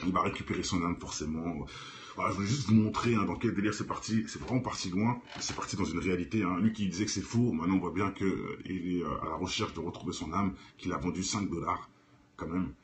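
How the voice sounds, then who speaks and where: A man with a low voice hosts an informal, off-the-cuff reaction video, talking at a quick pace. As a commentator he is opinionated, argumentative and colloquial.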